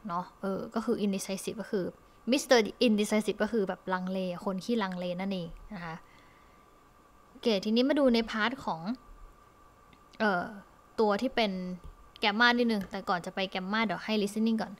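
A woman's voice: mid-range voice, moderate pace. A young Thai woman teaching an English lesson online. She explains each word step by step and often repeats it.

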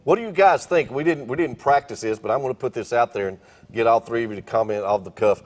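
A middle-aged pastor leads a devotional panel on an outdoor stage by a wooden fence, speaking into a handheld mic in an earnest, encouraging manner and repeating words. His mid-range voice is a little mellow and he talks fast.

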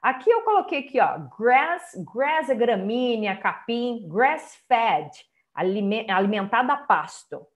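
A woman with a Brazilian Portuguese accent teaches an online class, her voice sitting a little high. She explains patiently, stopping to check that listeners follow. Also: big pitch swings, measured pace, muffled recording. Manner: explanatory, chatty, many checking tags like "tá?" and "ó". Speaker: English teacher giving a webinar talk. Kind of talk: online lecture.

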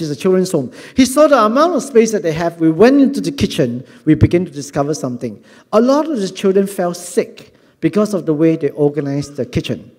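Middle-aged Singaporean-accented male preacher, earnest and animated, handheld mic in a reverberant church hall. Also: sits high. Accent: Singaporean English. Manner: earnest, animated, repeats words. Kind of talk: sermon. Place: large church hall on a stage.

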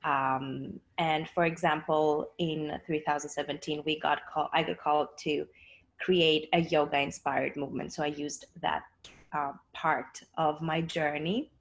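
A woman's voice: low voice, little pitch movement, a little slow, rough recording. A young woman from Greece, a dancer, talking on a video call from her living room couch, with many fillers and restarts. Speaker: dancer and choreographer guest. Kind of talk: casual interview on a video call. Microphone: laptop webcam on a video call.

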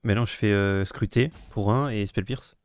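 A man's voice: lowish voice, normal speed, darkish tone, clear, resonant tone, dry recording. A man playing a card game, thinking aloud and muttering his moves in casual chat. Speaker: player.

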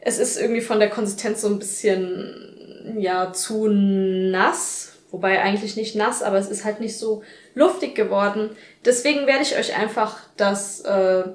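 A woman's voice: mid-range voice, moderate pace. A young woman talking casually through a cooking vlog in her home kitchen, thinking aloud as she works. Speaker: cooking vlogger. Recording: echoey kitchen with faint noise.

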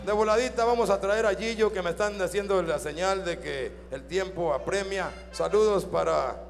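Male ventriloquist-emcee, high-voiced, hurried live patter. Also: creaky, long reverb tail, faint music behind.

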